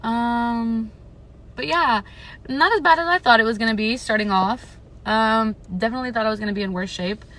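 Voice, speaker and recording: A woman's voice: on the high side, moderate pace, fairly bright tone. A woman, reading a book aloud on a livestream and then chatting with viewers in a rambling way. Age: 20s. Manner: rambling and chatty, lots of filler words. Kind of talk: casual live chat and book reading.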